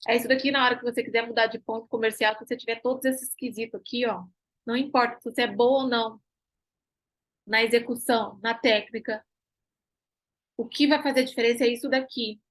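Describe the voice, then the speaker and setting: A woman teaches an online class in a high voice. She is emphatic, hammers key phrases again and again and keeps asking rhetorical questions. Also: fairly even intonation, fairly quick, poor audio. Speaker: pilates teacher and business mentor.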